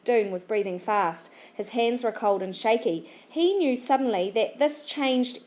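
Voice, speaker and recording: Woman narrating a storybook, slightly high. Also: lively intonation, measured pace, darkish tone, echoey room. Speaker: audiobook reader.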